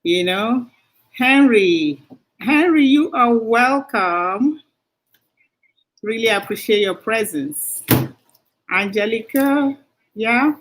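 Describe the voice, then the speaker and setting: A woman hosting a live stream, warmly greeting viewers one by one by name. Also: a little high, expressive, slow, long pauses, slight background noise. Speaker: livestream host. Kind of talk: casual livestream greeting.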